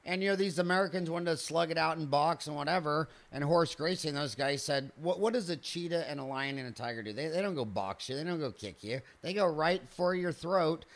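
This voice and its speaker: A man's voice: a little high, a little fast, few pauses. A man in his fifties hosting a podcast interview, asking long, rambling conversational questions. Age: 50s. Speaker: podcast host.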